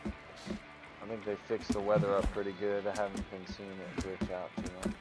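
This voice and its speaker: A man's voice: on the low side, little pitch movement, normal speed, loud music behind the voice, poor audio. A man chatting casually and teasing his friends while playing a survival game together. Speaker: fellow player on a game stream. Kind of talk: casual gaming chat.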